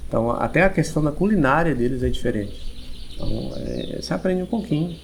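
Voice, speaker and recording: A man with a Brazilian Portuguese accent, an English teacher giving long, measured explanations as a podcast guest, often restarting his sentences. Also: on the high side, wildly swooping pitch, gravelly, slight background noise. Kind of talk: podcast interview.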